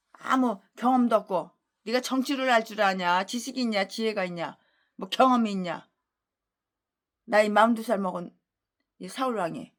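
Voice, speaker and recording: A woman pastor delivers a fiery expository sermon in a high, piercing voice. She scolds relentlessly, hammering the same phrases again and again. She jumps from loud rhetorical questions to low, grumbling insults. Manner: repeats phrases for emphasis.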